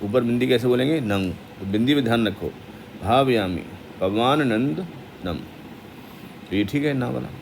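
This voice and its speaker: A man teaching the pronunciation of a Sanskrit hymn, explaining quickly and then reciting the verses slowly. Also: mid-range voice, vocal fry, background noise.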